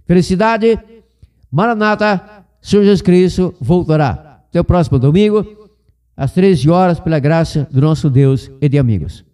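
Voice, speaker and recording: A man's voice: high voice, moderate pace, dark tone. A man from Brazil with a Goiás accent, hosting a casual radio Bible program, rambling with joking asides and self-corrections. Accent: Goiás Brazilian Portuguese. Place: radio studio.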